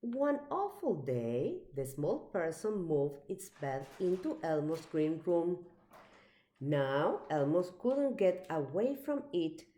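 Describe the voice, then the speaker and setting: A low-pitched woman reads a picture book for children, telling the story in a deliberate and expressive manner.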